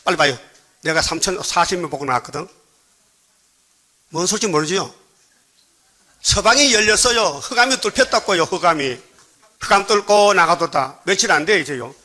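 A man with a Gyeongsang dialect preaching a sermon, reading scripture slowly, then pressing the congregation with rhetorical questions. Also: on the high side, sharp tone. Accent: Gyeongsang Korean dialect. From Gyeongsang Province, Korea. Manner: slow, measured cadence when reading scripture. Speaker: pastor.

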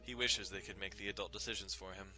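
A young adult man delivers a dramatic visual novel reading with music in the background, adding irreverent, casual asides. He has a low voice with a steady, sharp tone and a quick pace.

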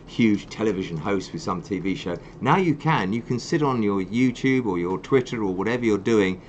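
A man's voice: lowish voice, animated, moderate pace, a little mellow, lo-fi sound, a little hiss or hum. A man hosting a live stream for a wildlife charity. He talks with passion and ranting zeal and pokes fun at himself. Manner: passionate, ranting, self-mocking.

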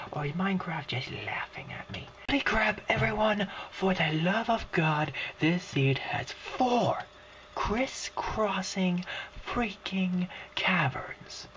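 This woman's voice has a medium pitch and a fairly bright tone. As a gaming video creator, she whispers scratchily through her let's-play commentary, with frustrated outbursts and mild swearing.

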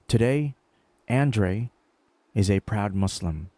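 Male voice-over narrator, dark and dry, measured scripted delivery. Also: lowish voice, dry recording.

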